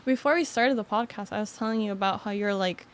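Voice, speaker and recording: A woman's voice: mid-range voice, fast, slight background noise. Twenty-something woman on a podcast, kinda rambly and thoughtful, says like a lot. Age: 20s. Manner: rambling, reflective, many filler likes. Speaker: podcast guest. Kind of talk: casual chat.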